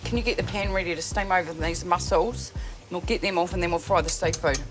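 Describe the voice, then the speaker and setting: A New Zealand woman competing on a cooking show, firing off rapid instructions in a busy kitchen. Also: fairly low pitch, fairly even intonation. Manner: bossy, rapid-fire instructions. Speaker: cooking contestant. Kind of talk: reality TV kitchen talk. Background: background music.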